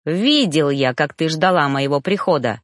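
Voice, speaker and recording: A woman voicing a proud male reaper who gives curt, harsh orders in a lowered voice. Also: animated, moderate pace, dry recording, clean studio sound. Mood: cold harsh.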